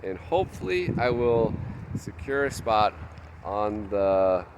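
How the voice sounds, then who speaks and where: A man with a slightly congested, head-cold voice talks in a casual, halting, self-deprecating vlog monologue, matter-of-fact throughout. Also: lowish voice, big pitch swings. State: has a cold with nasal congestion. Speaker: vlogger, trail runner. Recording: loud wind and outdoor noise on mic.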